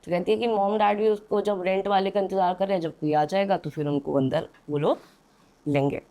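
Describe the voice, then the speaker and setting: A young woman on a podcast shares a story in an indoor studio, her medium-pitched voice warm, brisk and fairly even in intonation. She talks chattily with hesitant fillers, frequently asking "okay?" or saying "theek hai."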